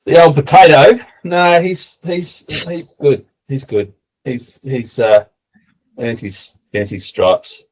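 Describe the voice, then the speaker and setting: A man's voice: medium pitch, fairly even intonation, husky. Australian man, rambling, muffled audio. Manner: rambling, halting, fond. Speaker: podcast co-host. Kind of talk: casual footy podcast chat.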